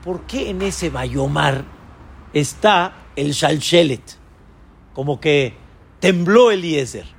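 A man teaches a Torah lesson as a rabbi, pitched high for a man, with a gravelly, husky texture. He keeps asking his listeners rhetorical questions. When he quotes figures, his voice jumps even higher. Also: slow.

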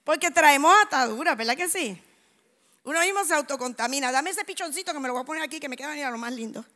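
High bright woman preaching, acts out the stories, echoey hall. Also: quick pace. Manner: animated storytelling, acts out dialogue. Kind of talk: sermon with lively anecdotes.

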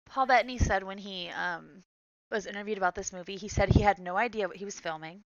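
A woman co-hosting a podcast in casual chat, retelling favorite scenes with lively laughs. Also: medium pitch, quick pace, no echo, muffled recording. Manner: laughs often, animated retelling. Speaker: podcast co-host.

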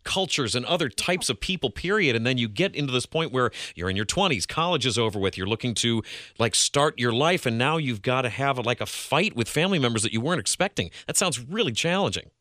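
Bright-voiced man asking a thoughtful question. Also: mid-range voice, expressive, brisk, dry recording, studio quality. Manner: thoughtful, rambling, sympathetic questions. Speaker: podcast co-host. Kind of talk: conversational interview.

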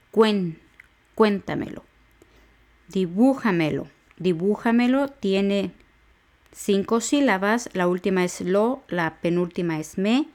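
A woman hosting an educational podcast, giving a spoken grammar lesson and breaking words down syllable by syllable. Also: mid-range voice. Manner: slow, syllable-by-syllable spelling out of words. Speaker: podcast teacher for exam preparation.

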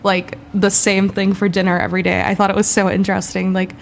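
A woman's voice: medium pitch, quick pace, creaky, a little hiss or hum. A woman, hosting a student radio talk show in a casual, chatty way in a studio. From Southern California. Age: 20s. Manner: relaxed, chatty, says "like" often.

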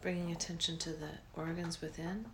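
A woman guiding a meditation in a soft, breathy near-whisper, slow and soothing, with long pauses. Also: on the low side, level tone, noisy background. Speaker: meditation guide.

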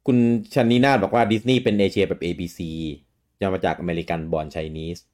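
A man's voice: deep voice, normal speed, darkish tone. A man co-hosting a casual gaming chat, reading out listener comments and laughing often. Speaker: podcast co-host.

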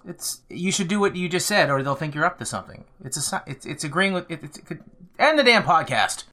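A man's voice: a little high, fast talker, pushed and bright. A man joining a podcast as guest, joking and arguing playfully in casual chat. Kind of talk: casual banter.

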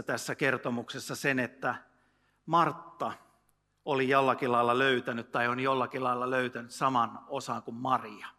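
A man gives a sermon in a bright, forceful voice. He talks casually, with fillers, restarts and joking asides. Long reverb trails his words through the church. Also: medium pitch. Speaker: preacher. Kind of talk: sermon with Bible reading.

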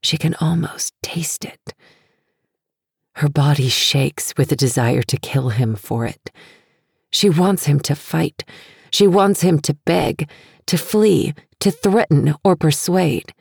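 A woman narrating an audiobook in a hushed, intimate way. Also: sits low, slow pace, creaky, slightly rough, no echo. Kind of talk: scripted narration. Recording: dry close studio sound.

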